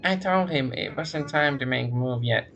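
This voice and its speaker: A man's voice: mid-range voice, moderate pace, creaky, a bit bright, highs cut off, soft background music, voice pushed up. A man voicing a nasal, heavy-smoking woman who talks in a curt, businesslike way over a game line. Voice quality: nasal, sing-song then businesslike.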